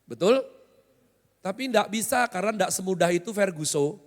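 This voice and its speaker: High-voiced joking pastor in a reverberant hall. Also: male voice, animated, moderate pace. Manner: joking, conversational, often quizzes the congregation. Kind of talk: sermon. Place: large hotel hall used as church.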